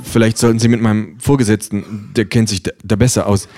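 A man's voice: on the low side, fairly even intonation, a little fast, darkish tone, slight background noise, lightly acted. A man reading aloud, voicing a hesitant, flustered young male bank advisor who stammers. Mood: unsure.

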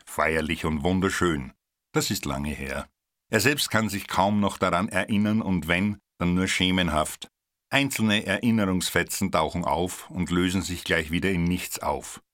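A man reading a Christmas story aloud in a calm, measured way. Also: deep voice, no echo, studio quality. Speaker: narrator.

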